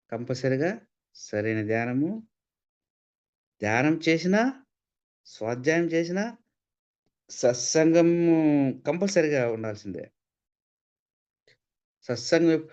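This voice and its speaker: A man giving a spiritual talk, asking rhetorical questions and repeating points for emphasis. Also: on the high side. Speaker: spiritual speaker. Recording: slightly dull lo-fi sound.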